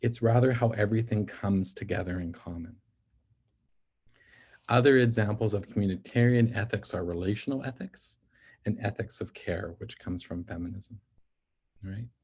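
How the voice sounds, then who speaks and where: A man with a fairly low, mellow voice lectures on ethics in a steady, explanatory way. He pauses often to check in with his listeners, asking whether they follow before moving on. The delivery is patient and methodical. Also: husky. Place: NICU physician.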